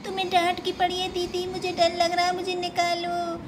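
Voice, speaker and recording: A woman's voice: very high voice, completely flat delivery, moderate pace, noisy background. Woman voicing a whiny little girl doll. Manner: whiny, pleading. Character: small timid girl doll. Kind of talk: doll play storytelling.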